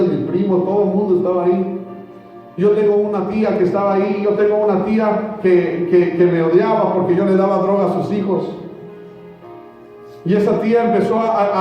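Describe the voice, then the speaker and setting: A man giving an earnest church testimony to a congregation, repeating his phrases as he speaks straight to them. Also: sits high. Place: large church hall. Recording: echoey hall from far off, muffled, music behind.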